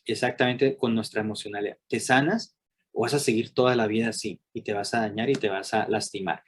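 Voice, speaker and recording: Animated man teaching a workshop. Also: fairly low pitch, fairly quick, slightly rough. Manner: animated, asks many rhetorical questions; acts out quoted people with raised voice.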